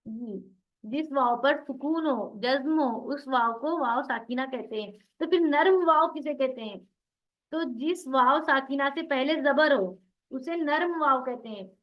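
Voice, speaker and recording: Female tajweed teacher, high voice, asks and answers her own questions, dull lo-fi class audio. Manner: drills syllables slowly, one by one. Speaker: Quran recitation teacher.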